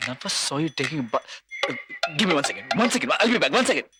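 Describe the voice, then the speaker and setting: A man's voice: on the high side, very animated, very slow, full character voice. An actor playing an easygoing, helpful young man who slips English words into his talk. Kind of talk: Tamil film dialogue. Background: film music.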